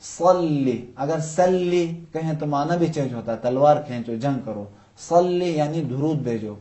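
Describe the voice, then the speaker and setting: A male Quran recitation teacher leads a lesson for children, his voice sitting a little above the usual male range. He is patient, often asks a question and then answers it himself. He stretches example words out slowly so each sound is clear. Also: a little high, warm tone.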